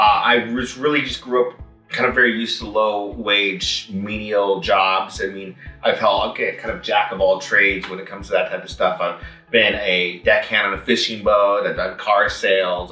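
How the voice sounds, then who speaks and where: A man from Mexico giving a rambling, excited testimonial with lots of fillers. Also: on the low side, echoey room, recorded from a distance, low-quality recording. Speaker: customer testimonial. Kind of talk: casual testimonial.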